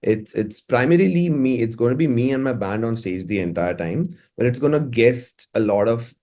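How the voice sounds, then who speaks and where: This man's medium-pitched voice has a dark tone and an animated quality, delivered at normal speed. He has an Indian accent and talks casually as a musician being interviewed, stammering and repeating words while working out his thoughts.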